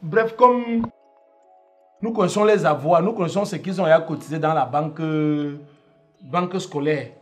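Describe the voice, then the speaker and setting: A man's voice: fairly high pitch, a little slow, faint music behind, natural voice. A man acting as an association president in a comedy sketch, hesitant and stammering as he talks.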